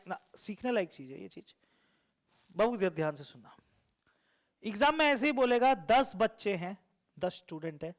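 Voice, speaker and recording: A man teaching a math lesson to a classroom. He keeps quizzing and teasing the students with repeated questions. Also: high-pitched. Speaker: coaching teacher.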